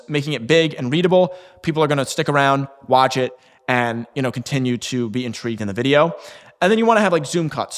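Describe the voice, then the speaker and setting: A man's voice: fairly high pitch, a bit bright, long reverb tail. A man giving a casual instructional talk to camera as a marketing coach, conversational, with fillers and occasional restarts.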